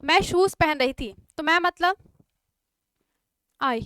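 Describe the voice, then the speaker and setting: A woman's voice: high-pitched, takes it slowly, pushed and bright, no room sound, studio quality. A woman with an Indian accent teaching a spoken English class online, explaining step by step and often checking whether everyone follows.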